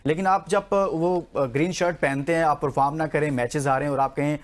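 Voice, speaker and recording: A man's voice: a little high, fairly even intonation, brisk. Insistent lecturing man. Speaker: TV panelist.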